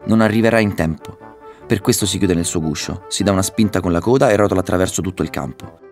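A man reading a children's story aloud, narrating with a lively delivery and excited voices for the dialogue. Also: deep voice, fast talker, soft background music.

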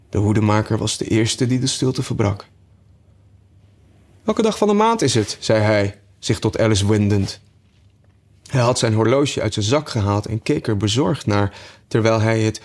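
A man narrating a children's story in a steady, expressive reading voice. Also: fairly low pitch.

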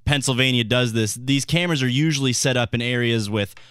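A man's voice: medium pitch, a little fast, fairly bright tone, clear, resonant tone, dry recording, studio quality. A man on talk radio explaining in a conversational, matter-of-fact way.

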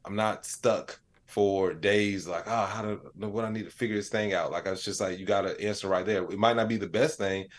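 Talking a little fast with hardly any pauses, an American man with a fairly low voice is interviewed on a podcast. The AI educator and comedian chats casually, telling lively stories, acting out dialogue, and saying "like" and "you know" a lot.

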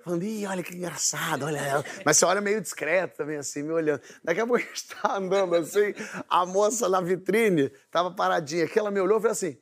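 A man's voice: sits high, fast talker. A man with a Brazilian accent hosting a TV talk show, chatting casually and joking in laughing asides. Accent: Brazilian Portuguese. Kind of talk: casual studio chat. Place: TV studio with audience. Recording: loud studio audience and noise.

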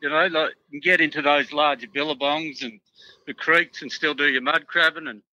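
A man's voice: on the high side, steady tone, brisk, pushed and bright, dry recording, highs cut off. An Australian man as a podcast guest, chatting in a laid-back, friendly way. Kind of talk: casual chat.

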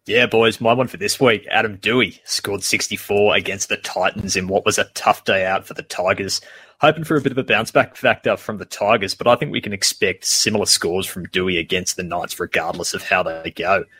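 An upbeat man filling in on a sports podcast, cheerful and slangy. His voice is low, bright and a bit husky. The sound is dry. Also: fairly quick. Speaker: fill-in podcast co-host. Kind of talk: casual sports podcast chat.

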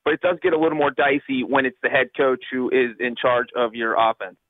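A man from Cincinnati calling in over the phone as a guest analyst on a sports radio show, talking fast and sure of himself with plenty of fillers. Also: medium pitch, steady tone, no echo. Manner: quick, confident, thinks aloud with fillers. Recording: tinny phone line.

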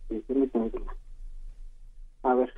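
A man's voice: mid-range voice, level tone, takes it slowly, a little hiss or hum. A man calling in over the phone to a radio show, hesitant and full of fillers. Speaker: radio call-in contestant. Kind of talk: phone-in chat with radio hosts. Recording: tinny phone line on radio.

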